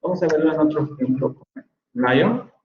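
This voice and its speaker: A man's voice: on the high side, moderate pace, muffled recording, slight background noise. Man lecturing in a roomy room. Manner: patient, explanatory, repeats words to model pronunciation. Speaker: university phonetics professor. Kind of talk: online lecture.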